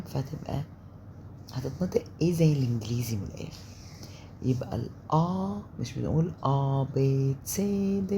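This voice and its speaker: A woman with an Egyptian Arabic accent teaching German, slowly repeating each sound for learners. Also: low-pitched, warm tone, a little hiss or hum. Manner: slow repetitive letter drilling. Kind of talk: spoken language lesson.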